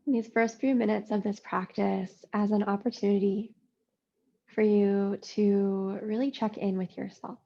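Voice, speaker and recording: Woman yoga instructor, gravelly and mellow, slow and soothing, steady, even delivery. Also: medium pitch, highs cut off. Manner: slow, soothing, drawn-out phrasing with long pauses. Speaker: yoga teacher. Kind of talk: slow guided yoga meditation.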